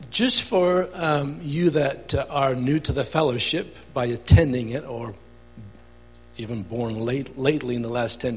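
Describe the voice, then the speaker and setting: A man from Albania with an Albanian accent, speaking as a guest at a church service and sharing his testimony in an earnest, halting way with many fillers. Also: medium pitch, slightly rough, big-room sound.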